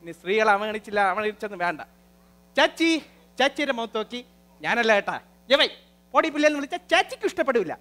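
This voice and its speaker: A man hosting a live comedy show, talking to the audience in a lively, bossy manner and lecturing his sidekick. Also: high-pitched, quick pace. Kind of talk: live stage comedy and mimicry.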